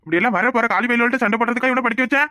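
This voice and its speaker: A man's voice: extremely high pitch, racing, no echo, studio quality. A man voicing an angry, bossy middle-aged village man in a cartoon, berating in a Kanyakumari Tamil accent. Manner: shouting, berating, sarcastic. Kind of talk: cartoon voice acting.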